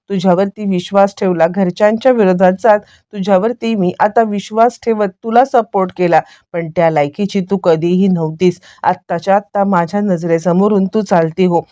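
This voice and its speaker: A woman's voice: mid-range voice, mellow, no echo, dull audio, lightly acted. A woman voicing an angry young husband who scornfully orders someone out of the house. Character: angry young husband Ashwin, furious and commanding.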